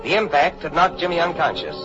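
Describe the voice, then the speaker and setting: A man's voice: on the high side, a little fast. A man narrating a 1940s radio drama in a dramatic announcer manner, heard as an old radio broadcast. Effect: old radio broadcast sound. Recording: dull lo-fi vintage radio recording with loud music.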